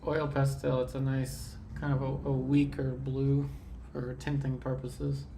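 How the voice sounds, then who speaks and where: A medium-pitched man speaks at a measured pace as he hosts a live painting stream, chatting comfortably and answering viewer comments while he paints. Sinus trouble leaves him congested and slightly nasal, and there's slight background noise.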